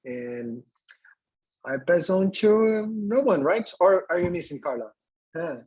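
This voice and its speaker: Husky high man, casual and laughing. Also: lively intonation, unhurried, a little mellow, poor audio. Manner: casual, laughing, stammering repeats. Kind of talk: video call introduction. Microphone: video call.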